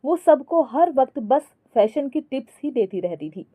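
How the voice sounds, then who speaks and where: A woman narrating a moral story in a calm storytelling manner. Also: high-pitched, unhurried, narrow, tinny audio.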